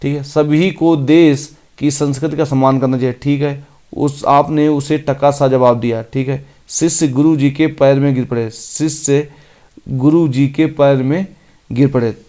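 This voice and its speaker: A man's voice: medium pitch, fairly even intonation, dark tone. Man teaching a grammar lesson. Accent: Hindi. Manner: reads each sentence out slowly, then explains briskly. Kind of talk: exam-prep grammar lesson.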